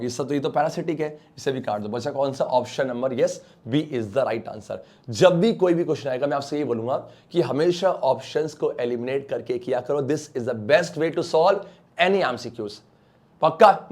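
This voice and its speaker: An Indian male teacher giving an online science lecture. He coaxes his students along with quick questions, then answers them himself. His delivery keeps slipping English technical terms into his speech. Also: medium pitch, a little mellow. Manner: coaxing, calls students beta and bachcha, mixes English terms.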